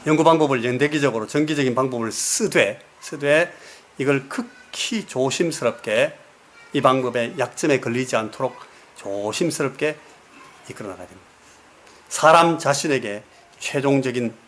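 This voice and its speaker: A man's mid-range, slightly bright voice carries a pastor's sermon built on storytelling. He questions the congregation and repeats words to drive points home.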